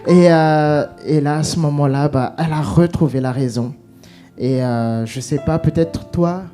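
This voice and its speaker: A man giving an emotional personal testimony, halting with many restarts and fillers, acting out what was said. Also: fairly high pitch, dark tone, soft background music.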